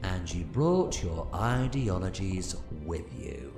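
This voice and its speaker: A man's voice: low-pitched, very animated, slow, exaggerated voice. A man playing an eccentric, commanding alien adventurer in an audio drama, theatrically swinging between playfulness and grave authority. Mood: wry, stern. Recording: echoey sound with music underneath.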